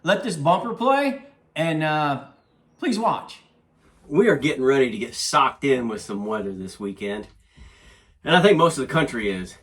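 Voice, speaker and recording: A man with a slightly high, somewhat bright voice works through a hands-on demo as a DIY channel host and product reviewer. He's casual and folksy, often half talking to himself.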